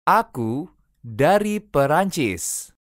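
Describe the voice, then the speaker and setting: A language teacher reads short phrases slowly and carefully, repeating each one three times. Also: mid-range voice, very animated, no room sound, studio quality. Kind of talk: reading phrase drills.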